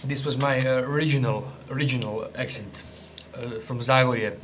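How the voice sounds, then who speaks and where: Brief: young man, mid-pitched, chatty and jokey food vlogger, faint noise behind. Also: fairly even intonation, normal speed, fairly bright tone. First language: Croatian. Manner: chatty, joking, restarts and hesitations. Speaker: ration reviewer. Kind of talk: casual food review vlog.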